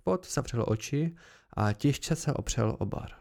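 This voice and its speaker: A man narrating a novel as an amateur audiobook reading, in a low, measured way. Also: lively intonation, creaky, a little mellow.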